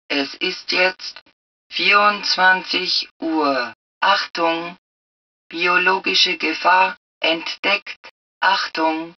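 A suit computer with a calm, low female voice delivers automated game announcements very slowly in clipped, impersonal, measured phrases. The sound is dull and distant from the microphone.

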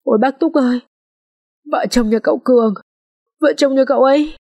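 A woman's voice: high voice, fairly quick, darkish tone, dry recording, muffled recording, pitched above the performer's own voice. A woman playing a panicked old housemaid shrieking for help. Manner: shrieking, pleading cries for help. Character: terrified older female housemaid, panicked.

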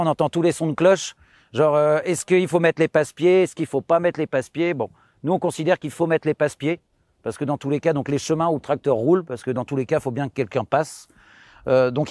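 A man's voice: on the high side, darkish tone, dry recording, clean studio sound. A man in his thirties explaining his farm outdoors on a tour, casual and hesitant with many fillers. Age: 30s. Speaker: farmer giving a farm tour.

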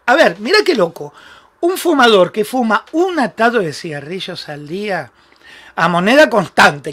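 This is a man with a high-pitched voice and a Rioplatense Spanish accent, hosting a live therapy talk. He is blunt and direct, pressing viewers by name and calling them "amor" again and again. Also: a bit bright. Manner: blunt, direct, calls listeners "amor" constantly. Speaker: host and therapist. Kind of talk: live-stream talk answering viewer comments.

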